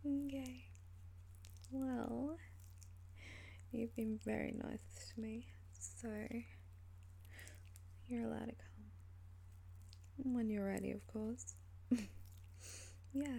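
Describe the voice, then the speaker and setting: A woman with a sultry voice performs an ASMR role-play as a seductive lover. She speaks very slowly and teasingly, often dropping into a breathy soft voice. Her tone is mellow, with a creaky edge. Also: on the high side. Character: flirtatious, teasing female lover.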